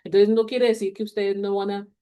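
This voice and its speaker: A woman's voice: medium pitch, level tone, fairly quick, warm tone, clean tone. A woman teaching a class on English grammar, explaining step by step and mixing English words into her speech. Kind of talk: online class walkthrough.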